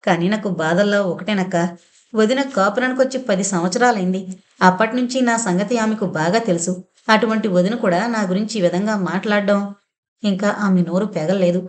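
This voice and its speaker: A woman voicing a gentle young woman who speaks softly and tearfully with quiet resignation in a storybook reading. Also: mid-range voice, a little fast, natural voice. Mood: sorrowful. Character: gentle sorrowful young woman Janaki, meek and patient.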